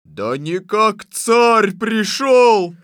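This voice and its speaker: A bunch of sleepy, bearded old boyars who bluster and cry out their lines in a slow drawl. His voice is somewhat high for a man, and it is recorded close and dry. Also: fairly bright tone, no room sound. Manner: blustering, exclaiming. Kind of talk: audiobook radio play.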